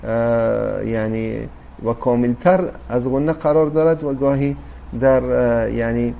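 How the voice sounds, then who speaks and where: A man's voice: medium pitch, gravelly, warm tone. A man teaching a recorded Quran recitation lesson, explaining patiently with fillers and restarts. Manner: addresses listeners as dear brothers and sisters.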